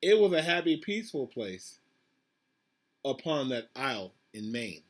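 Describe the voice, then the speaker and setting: This school principal reads a picture book to children a little slowly, his mid-range voice swinging widely in pitch. He speaks straight to them with asides and questions, often repeating himself.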